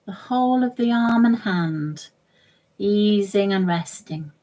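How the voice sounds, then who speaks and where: A woman working as a yoga nidra instructor leads a guided relaxation, speaking gently and soothingly in short, measured phrases broken by long pauses. Her mid-range voice carries lively intonation, though the recording quality is low.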